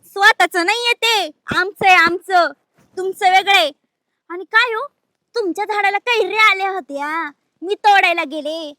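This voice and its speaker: An actress playing a quarrelsome sister-in-law, combative and mocking. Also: female voice, very high voice, moderate pace, bright, forceful tone, no room sound, clean studio sound. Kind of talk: Marathi village drama acting.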